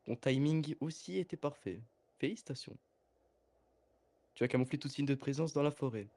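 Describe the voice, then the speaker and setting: A man's voice: mid-range voice, moderate pace, a little mellow, no echo, lightly acted. A man voicing an anime dub of a composed, menacing villain, speaking formally and theatrically. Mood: calm, admiring. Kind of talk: French anime dub parody, scripted villain monologue.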